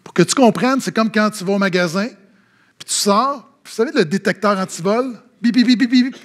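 A man's voice: sits high, moderate pace. A man with a Québécois French accent, preaching a sermon as pastor and telling funny anecdotes, acting out the people he quotes. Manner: animated storytelling, acting out quoted voices.

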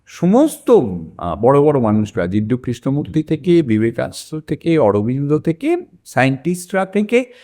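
Earnest sixty-year-old man with lively pitch. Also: moderate pace. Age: 60s. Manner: earnest, repeats phrases for emphasis. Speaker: mind coach and actor. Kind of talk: reflective self-help talk.

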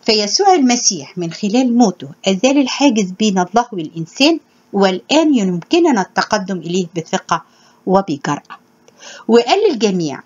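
Woman, Egyptian Arabic accent, measured sermon delivery, slightly husky, dull lo-fi recording. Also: mid-range voice, a little mellow. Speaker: religious teacher. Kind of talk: spoken sermon with scripture reading.

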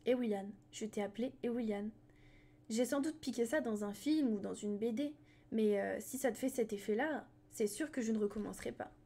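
A woman's voice: on the high side, normal speed. Woman doing a laid-back joking teen boy. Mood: apologetic. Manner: relaxed, teasing. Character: easygoing teenage boy, joking.

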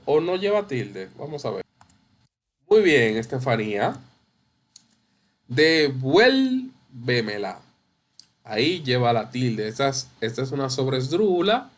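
A man teaching a spelling class, drawing out syllables slowly and repeating words to stress them. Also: medium pitch. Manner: slow, drawn-out syllables, repeats words for emphasis. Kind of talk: online class correcting exercises.

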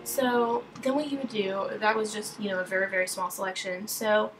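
A young woman talks through a screen-recorded tutorial at her computer, chatty and loose, full of ums and self-corrections. Her voice sits at a middle pitch for a woman. A faint hiss of room noise hangs behind her. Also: fairly even intonation, a little fast. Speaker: wedding photographer teaching software.

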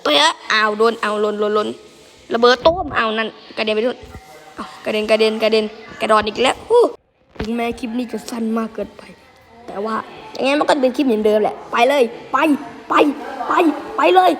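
A man hosts a gaming video with a high, hoarse, gravelly voice, chattering excitedly and repeating words in bursts as he plays. His voice carries a long reverb tail, with game music running underneath. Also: fairly quick. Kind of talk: excited gameplay commentary.

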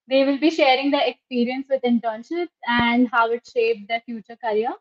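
A young woman in her twenties, a student host, reads out formal introductions of the guests over a video call. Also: fairly high pitch. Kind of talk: scripted introduction. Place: home room, indoors. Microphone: video call webcam. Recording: muffled lo-fi video call audio.

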